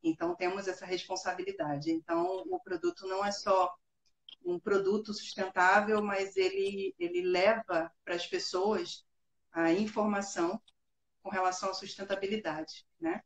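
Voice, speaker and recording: A woman's voice: mid-range voice, normal speed, reverberant, a little hiss or hum. A woman hosting an interview, friendly, often ending with tag questions. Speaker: host.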